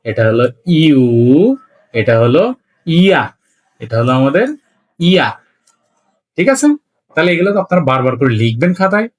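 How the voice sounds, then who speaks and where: A man teaching a beginner language lesson, slowly spelling out words letter by letter and often checking in with his listeners. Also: on the high side, expressive. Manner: slow, repetitive spelling out letter by letter.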